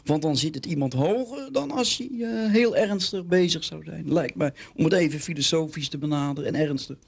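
A man's voice: on the high side, fairly quick, creaky, husky. A middle-aged man with a Dutch accent, interviewed on radio, talking in a theatrical, giggly, nervous way.

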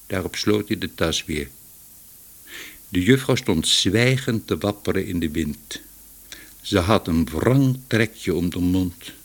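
Slow, low-voiced male storyteller. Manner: calm, measured. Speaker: narrator. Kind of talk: scripted story reading.

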